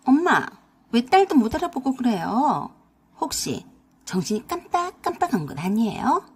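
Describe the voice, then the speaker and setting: A woman voicing a spoiled, greedy young sister-in-law in a storybook radio drama, talking high, loud and pushy. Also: big pitch swings, normal speed, husky. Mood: shrill.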